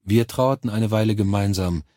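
A man reading a science fiction audiobook in measured, somber first-person narration. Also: fairly low pitch, dark tone, no echo, studio quality.

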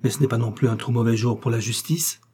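Guy reading a cool confident detective, quiet and composed, mellow husky tone. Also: medium pitch, fairly even intonation, fast. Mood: calm. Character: calm, self-assured male detective.

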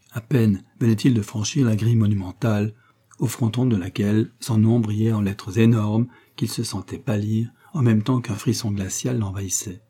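A male audiobook narrator reading a classic novel in a measured, even way. His low voice sounds mellow and somewhat husky. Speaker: audiobook reader. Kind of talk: scripted narration.

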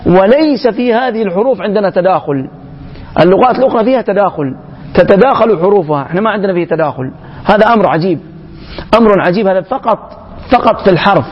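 A man giving an emphatic public lecture to young people, often pausing and restarting mid-phrase. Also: sits high, breathy edge. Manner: emphatic, halting, with frequent restarts. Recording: echoey hall, dull lo-fi sound.

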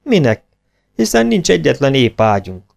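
A man putting on a high, panicky servant. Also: wildly swooping pitch, vocal fry, a little mellow, heavily acted. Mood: alarmed. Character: anxious male Turkish servant.

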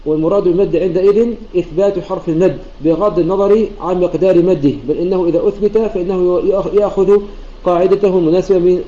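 Male recitation teacher, high-ish voice, brisk methodical lecturing with self-corrections, roomy dull online-chat sound. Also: dark tone. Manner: methodical, restarts and repeats to clarify; quotes verses and poetry lines while explaining. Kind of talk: explanatory religious lesson.

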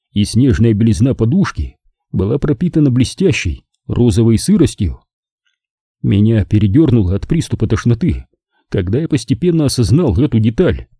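A man reading a first-person detective novel aloud, measured and dramatic. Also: lowish voice, mellow, breathy edge, no echo, studio quality. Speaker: audiobook narrator.

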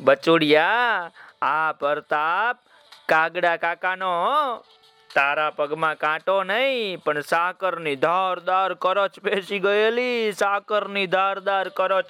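A man's voice: sits high, takes it slowly, pushed and bright, clear, resonant tone, dry recording, soft background music, exaggerated voice. A man playing a fussing mother ant. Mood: tender.

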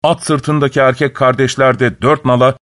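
A man narrating a fairy tale in an expressive, dramatic storytelling manner. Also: mid-range voice, moderate pace.

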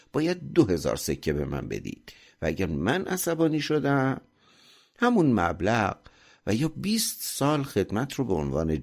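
A clever young farmhand from a folk tale, as a male narrator puts him on. He talks in a calm, sly, unhurried way, with a lively voice that rises and falls. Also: fairly low pitch. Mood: confident.

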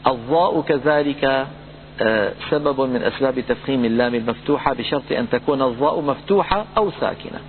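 A man teaching Quran recitation rules, patiently repeating points and slowly chanting example words. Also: medium pitch. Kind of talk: lesson on tajweed rules. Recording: phone-like audio with hum and reverb.

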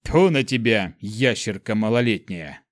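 A man voicing a male guardian who grumbles and mocks in a gruff, offhand way. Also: on the low side, expressive, measured pace, no echo. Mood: teasing. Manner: grumbling, mocking. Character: gruff teasing male keeper, old ancient being.

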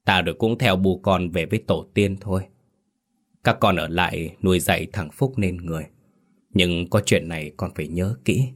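A man voicing a frail dying old village elder who gives weak but clear, solemn instructions. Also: low-pitched, normal speed.

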